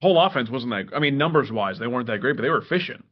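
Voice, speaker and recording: A man co-hosting a sports podcast in casual chat, animated and full of quick restarts. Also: medium pitch. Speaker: podcast co-host. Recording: dull lo-fi podcast audio.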